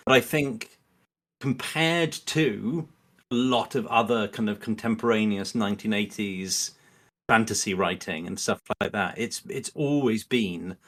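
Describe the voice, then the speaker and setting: A man appears as a podcast guest, explaining his opinions in a fairly low, a bit bright voice at a slightly slow pace. His casual chat rambles, with plenty of hedging, and he acts out imagined quotes along the way.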